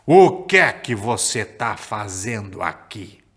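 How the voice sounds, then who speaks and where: A crowd of huge, dim giants in a storybook tale , put on by a man storyteller. They speak slowly and heavily, pitched lower than the narrator and drawn out. The voice is loud but dull-witted. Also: very animated, exaggerated voice. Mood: slow booming. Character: huge booming male giants, slow and dim.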